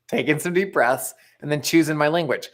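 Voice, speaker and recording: A young man co-hosts a live motivational stream, chatting casually and eagerly reading viewers' messages aloud. His voice sits on the high side, and he talks at normal speed.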